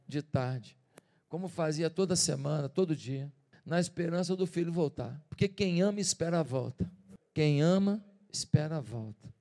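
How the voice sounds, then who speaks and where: A male pastor preaching a sermon, telling the story in an animated, dramatic way. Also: on the high side. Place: church. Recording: reverberant church hall.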